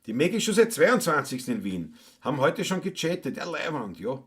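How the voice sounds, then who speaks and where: A man with a Viennese accent, chatting casually and gruffly on a solo live stream, joking and cursing between songs. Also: fairly high pitch, sing-song, fairly quick, a bit bright. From Austria. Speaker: solo livestream musician. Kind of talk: casual live-stream chat with Wienerlied singing. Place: home, indoors.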